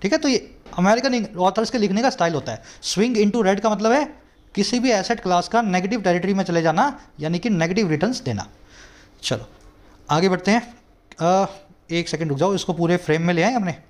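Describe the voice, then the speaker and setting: Man, Indian accent, high-pitched, English teacher, explains each term step by step, reads quotes slowly. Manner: explains terms step by step, often checking "ठीक है". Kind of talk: explaining a news article word by word.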